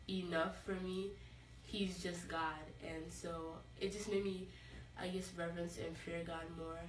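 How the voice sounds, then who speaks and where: A woman answering questions about her favorite choir song, thoughtful and hesitant. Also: fairly low pitch. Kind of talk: recorded personal testimony. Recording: echoey room, distant mic, faint noise.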